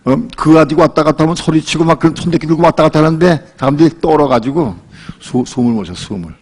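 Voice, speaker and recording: An older male pastor preaching a sermon in a relaxed, colloquial way, telling a personal story and acting out the voices in it. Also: on the high side, quick pace, breathy edge. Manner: colloquial storytelling, acts out quoted voices and laughs often.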